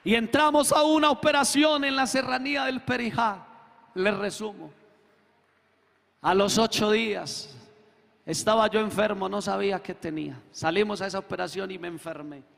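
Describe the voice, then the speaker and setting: A man preaching a testimony in church, acting out the voices in his story and rising to shouts. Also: high voice, fairly even intonation, normal speed, vocal fry. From Colombia. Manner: acts out quoted dialogue, swells to shouting. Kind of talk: sermon testimony. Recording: echoey hall with long reverb.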